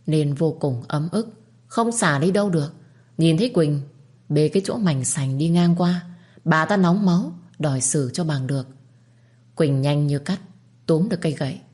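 A woman narrating a dramatic story in a steady, measured reading voice. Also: low voice. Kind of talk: scripted narration.

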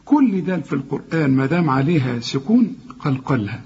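A man with an Egyptian accent leads a Quran recitation lesson. He repeats and corrects words, stretching them out slowly. His voice is very husky and sits a little high, on a muffled lo-fi recording. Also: big pitch swings, a little mellow. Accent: Egyptian Arabic. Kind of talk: tajweed lesson with recited examples.

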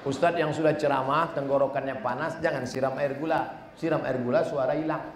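A male preacher, giving a lively sermon in a large hall, answering questions and acting out the people he describes. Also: mid-range voice, fairly quick, background noise. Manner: animated, mimics askers and rises to shouts. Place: large hall with a live audience. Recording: roomy live hall with faint ambience.

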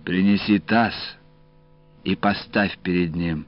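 A man voicing a gruff, mocking, warm-hearted old uncle in an audiobook, talking in slow sardonic banter. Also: deep voice, steady tone. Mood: gruff teasing. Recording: dull dry studio audio, faint music.

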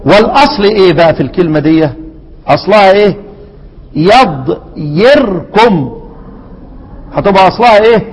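High-voiced Egyptian teacher, quizzing questions. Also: male voice, animated, big-room sound, poor audio. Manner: quizzing students with rhetorical questions, slow deliberate repetition. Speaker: Quran recitation teacher. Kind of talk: lesson explaining a classical poem on Quran readings.

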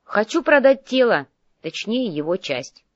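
A woman voicing a calm, shrewd young male mercenary who bargains firmly and businesslike. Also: fairly high pitch, a little slow, dry recording, highs cut off, pitched above the performer's own voice. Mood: matter-of-fact.

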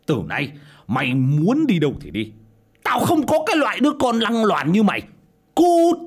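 A man voicing an old village father, shouting and wailing in an audiobook. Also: high-pitched, wildly swooping pitch, normal speed, breathy edge, voice pushed up, exaggerated voice. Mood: furious. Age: older. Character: old village father, furious then grief-stricken.

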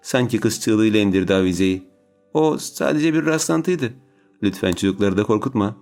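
A man voicing a greedy, gruff middle-aged husband with a hushed, husky voice in an audiobook. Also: lowish voice, lively intonation, normal speed, soft background music. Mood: incredulous.

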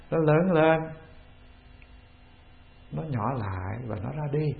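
A man with a Vietnamese accent, a Buddhist monk giving a calm, measured dharma talk, often putting questions to the assembly. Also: a little high. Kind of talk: sermon. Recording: tinny phone-like lo-fi recording.

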